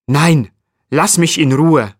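A man's voice: fairly high pitch, expressive, moderate pace, smooth, dry recording, studio quality, voice pushed up, natural voice. A man voicing a proud, grumpy male ibex in a storybook, talking curtly and annoyed. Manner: curt, annoyed.

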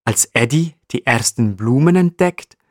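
Slow calm man reading a story. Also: medium pitch, dry recording, studio quality. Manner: calm, evenly read. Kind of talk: children's story narration.

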